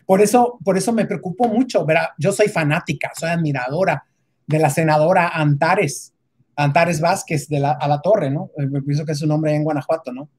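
A woman's voice: sits low, normal speed, a little mellow, husky. A woman giving an emphatic, casual opinion monologue, often restarting and stopping to ask rhetorical questions. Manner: keeps adding rhetorical tag questions; emphatic, with many restarts and hesitations.

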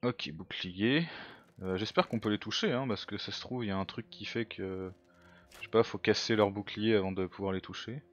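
A man's voice: on the low side, normal speed, muffled recording. A man casually commenting on a game he is playing, thinking aloud and muttering to himself, now and then mocking his own moves. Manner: self-mocking. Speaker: let's play gamer.

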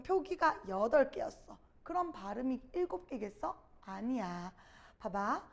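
Woman teacher, high voice, lectures students and answers her own questions. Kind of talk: Korean grammar lecture.

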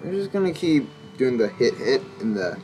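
A young man giving casual, rambling gameplay commentary, full of fillers and sudden excited outbursts. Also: mid-range voice, moderate pace. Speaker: gaming channel host. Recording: faint music behind.

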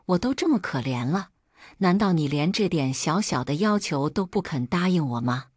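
Brief: woman reading teasing young boyfriend in an audio story, smug and coaxing, low and dry. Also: lively intonation, moderate pace, darkish tone, slightly rough, no echo.

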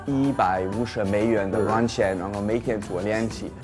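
A young man with a low voice introduces himself for a dating show. He is a non-native speaker with a foreign accent in Mandarin, and clear music plays behind him. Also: steady tone, moderate pace. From Switzerland. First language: not Chinese. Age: young adult. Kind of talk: narrated video self-introduction.

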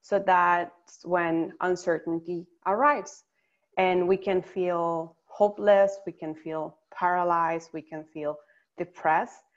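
A woman from Venezuela, a psychologist, presenting slides on a webinar in a measured, explanatory way. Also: lowish voice, fairly even intonation, muffled recording. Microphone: video call.

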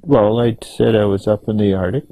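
Older male interviewee, gravelly and husky, halting storyteller, dry close sound. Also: on the low side, steady tone, dark tone, no echo, rough recording. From Canada. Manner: halting, rambling storytelling with many restarts. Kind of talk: oral history interview.

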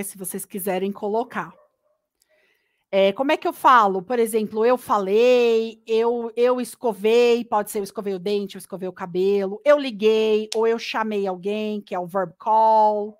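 A woman with a Brazilian accent giving a live online English lesson, chatty and lively, mixing English words into her Portuguese. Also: medium pitch, no room sound, clean studio sound. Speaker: English teacher. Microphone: computer mic on a live stream.

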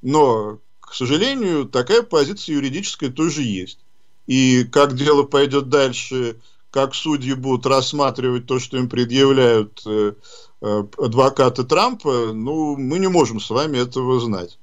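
A man hosting a call-in radio show, explaining things in a measured way with some hesitations. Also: medium pitch, lo-fi sound. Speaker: radio host. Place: radio studio.

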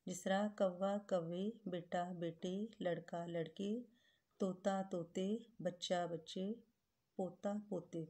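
Female teacher, slow, patient delivery, mellow tone, spells words out for young children. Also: fairly low pitch, level tone. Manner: addresses pupils as children. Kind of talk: grade-school Urdu grammar lesson.

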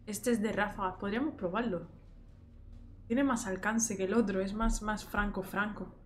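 Here a Spain Spanish–accented young woman streamer gives casual gameplay commentary, yelping and cursing at the action and then muttering through item menus. Her voice sits in the middle range with a steady tone and moderate pace, and there's slight background noise.

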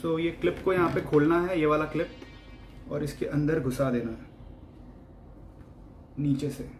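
Man, high-pitched, casual how-to vlog, chatty, echoey room, faint noise. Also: a little slow, music in the background. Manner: chatty, mixes English into Hindi, talks while fitting gear. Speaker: motovlogger.

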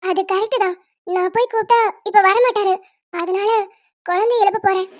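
Woman doing a squeaky bossy young wife. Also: steady tone, fairly quick, no room sound, dull audio. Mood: firm. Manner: scolding, lecturing. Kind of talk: cartoon voice acting.

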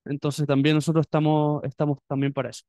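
A young Chilean university student chats quickly and casually to prospective students, stumbling over words and restarting often. His smooth, clear voice is a bit higher than most men's, though monotone and dark in tone. The sound is dry and close, with no room sound.

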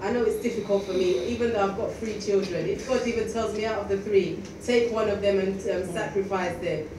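A woman's voice: mid-range voice, fairly even intonation. A young woman delivers a sermon in a plain, conversational way, stumbling through fillers and restarts. She speaks into a stand mic at a lectern in a small church hall. The sound is echoey and noisy, heard from far off. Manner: conversational, halting with many fillers. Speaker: preacher. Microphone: stand mic at a lectern, filmed by a far camera.

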